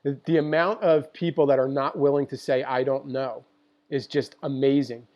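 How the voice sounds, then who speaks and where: A man's voice: medium pitch, steady tone, a little fast, darkish tone, muffled recording. A man who works as a dog trainer, talking to viewers on a live stream with passion and emphasis, often repeating his points. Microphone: computer mic for a live stream.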